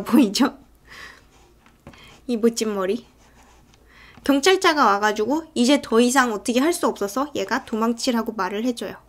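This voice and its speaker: A woman recaps a film scene by scene in a chatty, casual way, often breaking into acted lines from the characters. Her voice is a little high and a bit bright.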